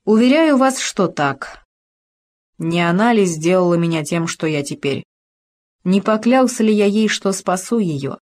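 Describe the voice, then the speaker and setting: A woman's voice: fairly low pitch, lively intonation, unhurried, darkish tone. Woman reading as an ardent young baron. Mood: impassioned. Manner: impassioned, pleading reading. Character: ardent young male officer, baron, lover. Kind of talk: audiobook reading of dialogue.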